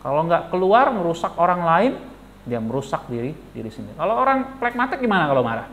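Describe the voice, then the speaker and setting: A male pastor giving a lively sermon, animated and jokey, questioning the congregation. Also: a little high, fast talker, a little hiss or hum. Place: church.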